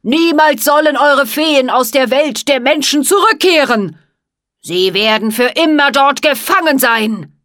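A woman voicing a furious male winter wizard who shouts curses in a cutting voice. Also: high-pitched, measured pace, no room sound, clean studio sound, pitched above the performer's own voice. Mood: cursing.

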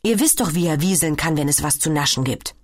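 A woman voicing a lively, giggly young girl who squeals and shrieks in a storybook reading. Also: low-pitched, brisk. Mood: giggly excited.

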